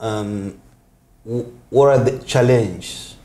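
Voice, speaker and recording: A man from eastern Congo hosts a casual interview and asks loosely phrased questions in a warm, mellow voice. His pitch sits in the middle range for a man. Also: slow pace. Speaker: interview host.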